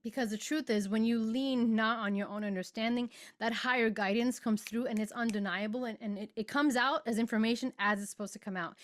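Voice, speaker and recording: Middle-aged woman, podcast host, earnest spiritual talk, slightly high voice, drawn-out emphatic phrasing. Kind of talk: reflective spiritual monologue.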